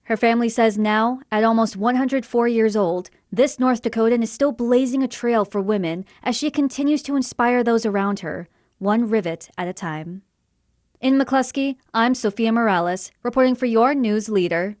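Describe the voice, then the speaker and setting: A woman's voice: fairly high pitch, moderate pace, a little mellow, no echo, clean studio sound. A woman reporter reading a scripted news package and signing off. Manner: polished broadcast delivery.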